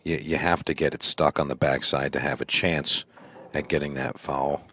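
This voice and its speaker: Super deep voiced guy, dry close mic, enthusiastic pool co-commentary. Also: flat delivery, moderate pace, fairly bright tone, no room sound. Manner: enthusiastic, agreeing co-host. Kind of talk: live sports commentary.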